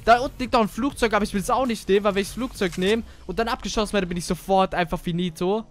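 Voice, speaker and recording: A man giving casual gaming commentary, excitable and chatty as he plays with a teammate. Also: high voice, quick pace. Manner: excitable, swears casually, talks to teammate while playing. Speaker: gamer.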